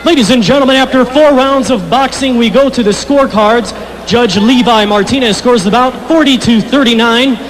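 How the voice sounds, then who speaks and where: A man's voice: very high voice, moderate pace. A man working as a boxing ring announcer, formally projecting the scorecards over a noisy live arena.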